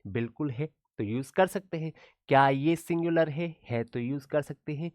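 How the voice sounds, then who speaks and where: Male teacher, exam-prep lecture, slightly high voice, dry close sound, frequent check questions. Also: normal speed, no room sound. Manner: addresses students as brother, asks frequent check questions; acts out student replies.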